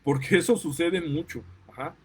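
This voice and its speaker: A man's voice: on the high side, normal speed, husky. A man with a Mexican accent, a parent giving an impassioned, indignant monologue that keeps getting heated. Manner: indignant, gets worked up, apologizes for outbursts. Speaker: parent and commentator.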